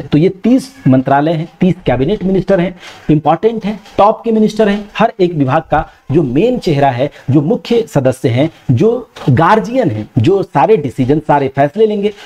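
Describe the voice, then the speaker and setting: A man giving an exam-prep lecture, briskly running through a list and often adding reminders to remember. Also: fairly high pitch, mellow.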